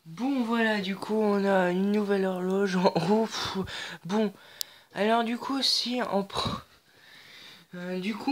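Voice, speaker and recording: A woman hosts a screen-recorded tutorial on logic circuits. She talks at a slow, unhurried pace in a mid-range voice. She hesitates often, fills gaps and corrects herself as she goes. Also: medium pitch. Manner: hesitant, many fillers and restarts, self-correcting. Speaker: tutorial host.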